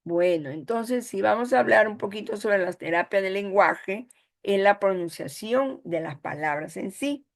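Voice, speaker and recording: A woman with a Peruvian Spanish accent gives an online lecture as a course instructor, speaking in a mid-range, expressive, creaky voice at a moderate pace. She explains things and keeps checking in with "¿ya?" and "¿no?".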